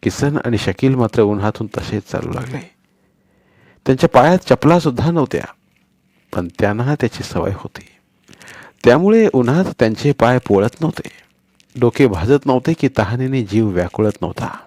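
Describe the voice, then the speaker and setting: Guy reading a story out, steady, mid voice, dry no room. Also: mid-range voice, normal speed, dry recording. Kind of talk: scripted story narration.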